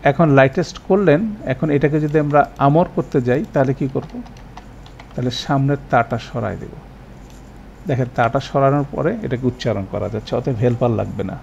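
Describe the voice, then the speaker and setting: Gravelly-voiced man teaching grammar. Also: medium pitch, a little mellow, dull audio, a little hiss or hum. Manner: patient step-by-step explaining, repeats example words slowly; mixes English terms into his talk. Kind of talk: recorded classroom lecture.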